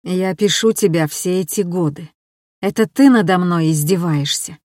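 A woman reading an audiobook and voicing a desperate male artist who pleads with his lover, dropping her voice lower. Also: normal speed, darkish tone, no echo, studio quality, lightly acted. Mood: wounded.

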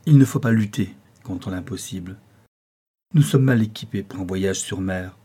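A man's voice: sits low, normal speed, dark tone, slightly rough. A man voicing an earnest young man who firmly reasons with his uncle in an audiobook. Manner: firm, reasoned pleading.

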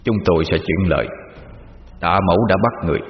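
A man voicing a solemn, reverent soul-catching ghost of the underworld that speaks in a hushed way, in a muffled recording with long reverb. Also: sits low, fast talker, pitched below the performer's own voice.

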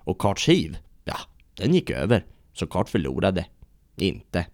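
Male comic narrator, deadpan and matter-of-fact, fairly low, swinging pitch, dry close sound. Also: no echo.

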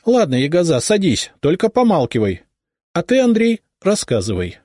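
A sharp, imperious mother from a storybook, scolding in a high, lively voice, as a male narrator puts her on. The sound is close and dry, with no room around it. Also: normal speed, no echo. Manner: reproachful, imperious.

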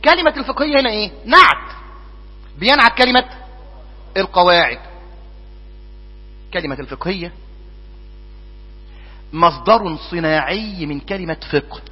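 A man with an Egyptian accent teaches in a high, breathy voice, prompting his class and then answering for them. The recording is muffled and lo-fi. His voice rings out with a long reverb through a lecture hall, and a mains hum runs underneath. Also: expressive, normal speed, long pauses. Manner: asks the class questions and answers them himself. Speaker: teacher of Islamic jurisprudence. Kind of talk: classroom lesson.

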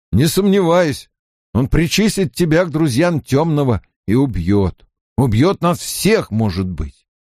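A man voicing a calm, thoughtful young man who speaks in a measured way in an audiobook. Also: medium pitch, dry recording, studio quality.

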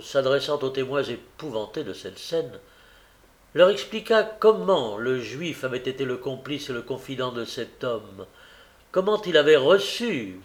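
A man reading a classic novel aloud as an audiobook, in a measured, theatrical manner. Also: mid-range voice. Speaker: audiobook reader.

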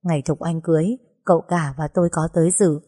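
Husky-voiced woman narrating a sad story. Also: deep voice, steady tone, warm tone. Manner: sorrowful, measured storytelling. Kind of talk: first-person story reading.

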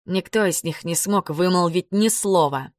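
Low-voiced woman reading a story. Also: normal speed, dry recording, studio quality. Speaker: audiobook reader. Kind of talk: scripted narration.

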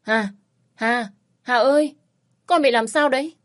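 A woman's voice: a little high, measured pace, voice pushed up, natural voice. A woman voicing a worried, blunt middle-aged mother fussing over her sick daughter. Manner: bossy, blunt, fretting.

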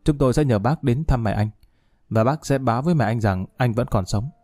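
A calm police colonel gives orders in a measured, steady way, as a man narrator puts him on. The voice is mellow and the recording dry. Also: mid-range voice, no echo, faint music behind, close to an everyday voice.

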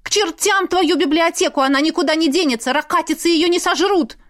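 A woman's voice: high voice, normal speed, pitched above the performer's own voice, natural voice. A woman voicing a frightened, defiant mother. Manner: urgent, pleading exclamations. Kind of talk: audiobook character reading.

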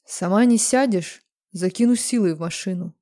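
A woman's voice: mid-range voice, moderate pace, dark tone, natural voice. A woman reading aloud and voicing a domineering young man who switches between growled orders and sweet coaxing. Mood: menacing. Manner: growling commands, then sudden coaxing tenderness.

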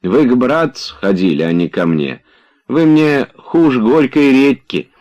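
Fed-up landlady, as a male reader puts her on; reproachful, pitched up. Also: expressive, measured pace, a little mellow, lo-fi sound, natural voice. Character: meek woman landlady, fed-up and scolding.

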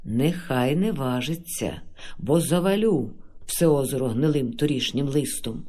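Grave little old forest spirit, bearded, deliberate, read by a man. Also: mid-range voice, lively intonation, warm tone. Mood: stern.

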